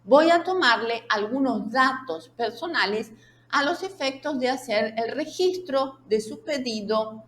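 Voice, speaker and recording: A Spanish teacher with a high, animated voice gives a didactic language lesson at a measured pace, laying out example sentences and checking in with short questions. The room sounds echoey.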